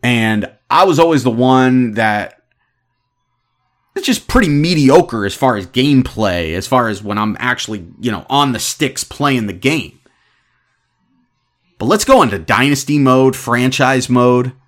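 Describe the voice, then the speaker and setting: This thirties-aged podcast host vents about sports, opinionated, animated and exasperated, though his medium-pitched delivery stays unhurried.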